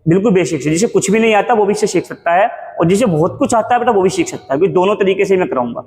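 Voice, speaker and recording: A man's voice: high voice, lively intonation, very fast, darkish tone, in a large hall, a little hiss or hum. A man teaching a maths lesson in Hindi, calling viewers children and asking questions he answers himself. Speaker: math teacher. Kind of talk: classroom-style maths lesson.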